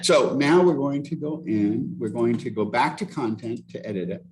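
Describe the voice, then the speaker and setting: A man leading a teaching workshop as a casual live software demo, thinking aloud and correcting himself as he goes, heard over a video call. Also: medium pitch, expressive, moderate pace, background noise.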